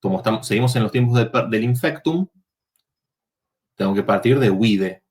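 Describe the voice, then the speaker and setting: A man's voice: on the low side, expressive, moderate pace, darkish tone. A man teaching a university Latin workshop, explaining verb forms step by step and checking in with the students.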